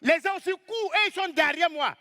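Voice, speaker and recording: A male stand-up comedian, telling a story on stage and acting out scenes with loud bursts. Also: extremely high pitch, fairly quick, heavy background noise. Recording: reverberant stage hall.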